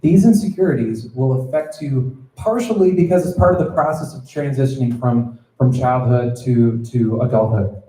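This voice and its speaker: A man's voice: mid-range voice, moderate pace, dark tone. A man giving a sermon to students as a youth pastor. He talks conversationally, checks in with the audience and acts out the voices in his stories. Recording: echoey room.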